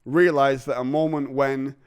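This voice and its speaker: A man's voice: medium pitch, level tone, a little slow, clean tone, dry recording, studio quality. A man hosting a podcast, chatting in a rambling, jokey, confessional way. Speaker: podcast host. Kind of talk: casual chat.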